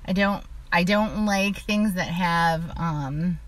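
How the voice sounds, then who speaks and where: A woman's voice: on the low side, takes it slowly. A middle-aged woman from Illinois, chatting as an interview guest, full of "like" fillers and laughing through her stories. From Illinois, USA. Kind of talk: casual conversational interview.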